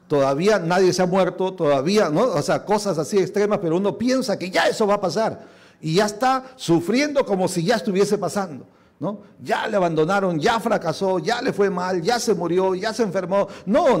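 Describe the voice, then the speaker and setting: A man's voice: fairly high pitch, darkish tone. A pastor preaching a conversational sermon, often checking with his listeners and repeating key words.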